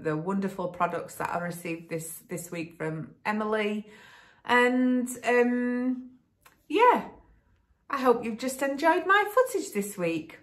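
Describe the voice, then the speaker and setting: Slow-talking Yorkshire woman vlogger. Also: medium pitch. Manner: unhurried, chatty, with soft laughs and ums. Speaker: vlog host. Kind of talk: casual outro to camera.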